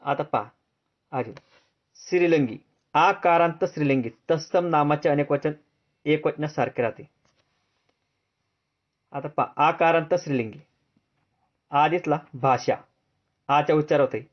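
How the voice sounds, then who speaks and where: A man with a Marathi accent teaching a grammar lesson, drilling students with repeated questions and answering them himself in a lower, softer voice. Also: unhurried, pauses often. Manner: answers drop low and soft. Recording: dull lo-fi sound.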